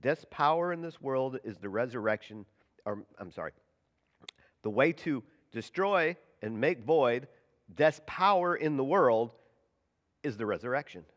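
A man's voice: medium pitch, expressive, dull audio. Man preaching in a reverberant church. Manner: preaching, builds loud and slow on key points, with restarts. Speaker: pastor. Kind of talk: sermon with scripture reading. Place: church sanctuary. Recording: reverberant church live stream.

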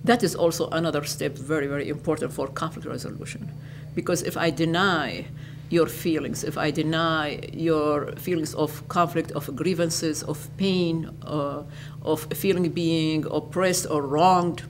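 An older woman from Iraq, an educator giving interview answers in a lecture hall, speaking in a measured way and restating her phrases. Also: sits low, steady tone, background noise.

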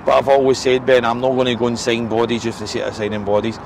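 Outdoor noise and passing traffic fill the background as a Scottish football manager in his forties speaks beside the pitch after the match. His medium-pitched delivery is completely flat and fast, frank and repetitive with many "eh" and "listen" fillers, and the audio quality is poor.

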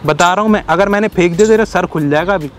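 A man's voice: high voice, fast talker, faint music behind. A young man hosting a prank in a park, first begging politely, then teasing and threatening. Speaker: prankster host. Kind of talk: prank video banter. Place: outdoor park.

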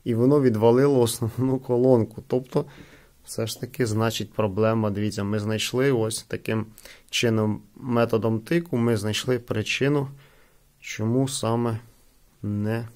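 Seated indoors at a wooden table, a man reviews gadgets in a casual, hands-on demonstration, explaining as he goes and repeating himself often. His medium-pitched, darkish voice stays fairly even at a normal speed.

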